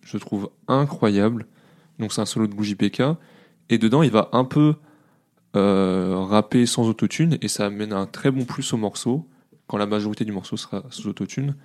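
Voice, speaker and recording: A man's voice: on the low side, moderate pace, darkish tone. A man co-hosting a casual podcast about a rap album, talking in an informal way that turns hesitant and repetitive when something moves him. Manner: hesitant, repeats himself when moved. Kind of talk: casual chat.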